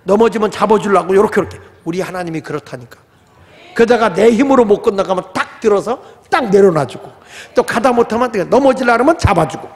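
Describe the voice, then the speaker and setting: A man's voice: high-pitched, expressive, fast talker. A male pastor preaching a sermon in a church, emphatic and casual, leading the congregation in reading aloud. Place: church sanctuary. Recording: long reverb of a large hall.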